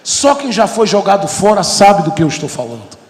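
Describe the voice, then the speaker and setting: A man preaching a fervent sermon with a Brazilian Portuguese accent, on a handheld mic, swelling into shouting. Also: high voice, big pitch swings, brisk. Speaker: pastor. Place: large church hall. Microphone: handheld microphone. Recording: echoey hall with loud music. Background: loud worship music.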